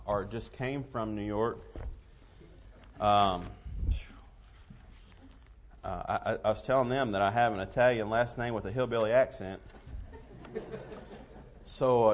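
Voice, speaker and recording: A man with an Appalachian hillbilly accent preaching to a congregation in a folksy, halting, self-deprecating way. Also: mid-range voice, slight background noise. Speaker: visiting missionary preacher. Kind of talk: sermon, folksy address to a congregation.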